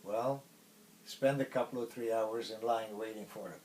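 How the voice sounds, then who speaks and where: Man, Polish accent, native Polish speaker, lowish pitch, halting casual interview talk, faint background noise. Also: steady tone, a little mellow, far from the mic, low-quality recording. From Poland. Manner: halting, pausing often mid-phrase.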